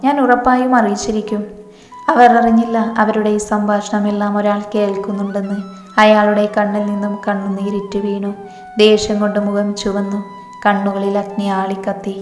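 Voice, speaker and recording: A woman narrates a story in an even, steady reading voice. Her pitch moves very little from line to line. The sound is roomy and echoing, with faint music underneath. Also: moderate pace. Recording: echoey reverberant room, faint music.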